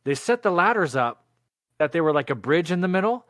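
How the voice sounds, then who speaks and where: Animated storytelling man, dry sound. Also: a little high, fairly quick, dry recording. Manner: animated storyteller, explains and asks. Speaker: podcast co-host. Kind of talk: casual chat.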